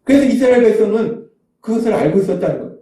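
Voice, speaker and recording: A male pastor delivers a sermon in a dramatic storytelling manner, his high voice rising and falling widely. The warm, mellow tone carries through a very echoey church sanctuary, recorded from a distance. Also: expressive, rapid-fire. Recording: echoey hall, mic far off.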